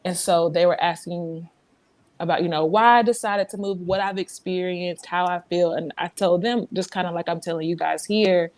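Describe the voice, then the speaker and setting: A young woman from South Carolina, now teaching abroad, speaks as a guest on a casual podcast in a light Southern American accent. Her voice sits on the low side with fairly even intonation and a moderate pace. She talks earnestly and reflectively, restarting her sentences often.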